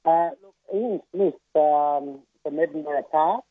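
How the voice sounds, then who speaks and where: A man who trains racehorses, speaking over a phone line in a radio phone interview, halting and full of filler sounds. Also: a little high, no echo. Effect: heard over a phone line.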